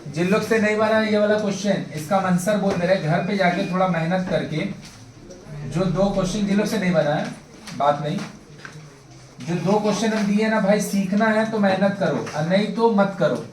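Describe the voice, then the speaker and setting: A man's voice: high voice, moderate pace, far from the mic, slight background noise. A young man teaching math to a class, coaxing and drilling his students with lots of repetition. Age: young adult. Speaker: tutor. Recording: echoey classroom.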